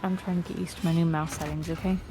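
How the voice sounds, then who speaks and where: A woman's voice: sits low, little pitch movement, quick pace, mellow, poor audio. A woman streamer chatting casually while gaming, giggling, swearing and filling her talk with fillers. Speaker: game streamer.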